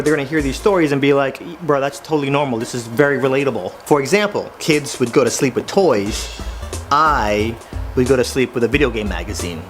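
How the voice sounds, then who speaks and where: A man telling comedic stories in an animated, exaggerated way, speaking straight to the viewers. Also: fairly high pitch. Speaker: comedian storyteller. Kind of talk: comedic storytelling monologue.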